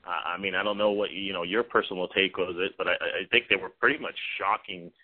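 A male sports radio host with a very low voice talks off the cuff, haltingly and informally. The sound is thin and phone-like, as on internet radio. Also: fairly even intonation. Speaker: sports talk show host. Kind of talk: unscripted internet radio talk. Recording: muffled narrow-band phone-like internet radio.

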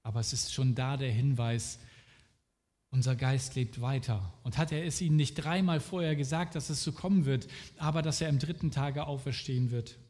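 A man's voice: medium pitch, moderate pace, a little mellow, big-room sound. A man preaching a sermon in an earnest way, speaking directly to the listener.

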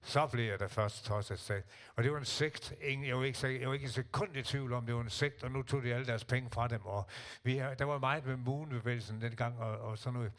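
Older man, guest singer, animated anecdotes, mid-pitched voice. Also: few pauses. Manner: animated, acts out quotes. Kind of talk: casual storytelling.

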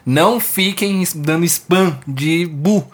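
A man with a Brazilian accent hosting a live podcast chat, energetic, laughing and shouting often. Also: on the high side, takes it slowly. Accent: Brazilian Portuguese. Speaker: podcast host.

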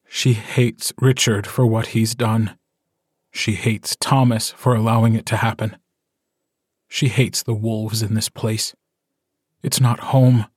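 Male narrator, scripted audiobook narration, calm and measured, slow, dry studio sound. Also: mid-range voice, slightly rough, dry recording.

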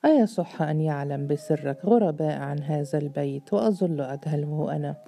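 A woman's voice: sits low, a little fast, creaky, dark tone, a little hiss or hum. A woman voicing an earnest, loyal woman servant who speaks in a fervent, imploring way. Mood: pleading.

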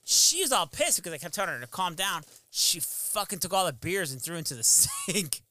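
A man's voice: high-pitched, sing-song, brisk, pushed and bright, slight background noise. A man telling loose, swearing stories in a casual podcast chat. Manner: laid-back storyteller, swears freely. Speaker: podcast co-host.

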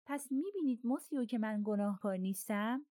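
A woman's voice: big pitch swings, darkish tone, dry recording, studio quality, lightly acted. A woman doing a panicked, pleading train conductor. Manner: protesting, high-strung and insistent.

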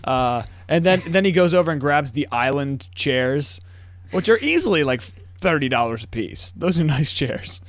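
Young man, podcast co-host, casual chat, slightly high voice, laughs a lot. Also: very animated, moderate pace. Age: young adult. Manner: laughs often, acts out quotes in funny voices. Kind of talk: casual chat recapping a TV episode.

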